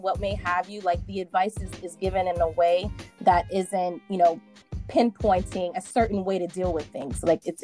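A woman hosts a casual podcast interview. She is bubbly and chatty, with a middle-pitched voice, frequent laughs and loose fillers. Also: darkish tone. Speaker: podcast host.

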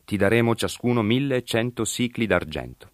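Brief: scheming enemy chieftain, commanding tone, deep, read by a man. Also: expressive, normal speed, no room sound, studio quality, natural voice.

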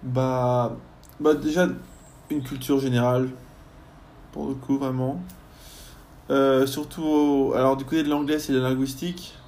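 A young man, a university student, chatting casually in a podcast interview, often pausing on fillers as he thinks. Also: medium pitch, little pitch movement, a little mellow. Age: young adult. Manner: chatty, lots of hesitations and fillers.

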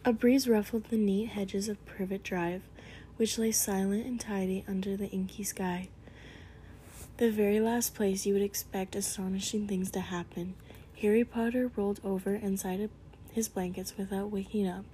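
A woman reads a storybook aloud in a gentle, hushed whisper. Her pitch sits in a middle range. A faint hiss of background noise runs underneath. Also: fairly even intonation, moderate pace. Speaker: storyteller reading a book aloud.

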